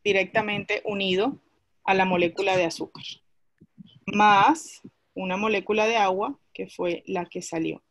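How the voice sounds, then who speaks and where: A woman's voice: medium pitch, fairly even intonation, measured pace, no echo. A woman teaching a class, explaining a chemistry lesson step by step and asking her students questions as she goes.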